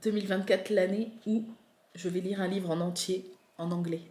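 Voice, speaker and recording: A young woman from France chatting casually in a vlog, gushing and excitable, with lots of fillers. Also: lowish voice, normal speed. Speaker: vlogger. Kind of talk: casual unboxing chat.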